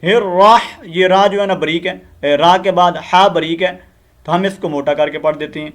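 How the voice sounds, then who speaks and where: High-voiced man teaching Quran recitation. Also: steady tone. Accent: Pakistani Urdu. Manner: earnest, repetitive teaching explanations with frequent fillers. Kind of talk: spoken Quran lesson with channel appeals.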